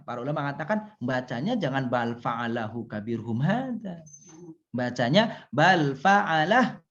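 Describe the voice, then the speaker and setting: Lively male preacher, dull lo-fi sound. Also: high-pitched. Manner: lively storytelling, acts out dialogue, addresses audience directly. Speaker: Islamic preacher. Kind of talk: religious study sermon.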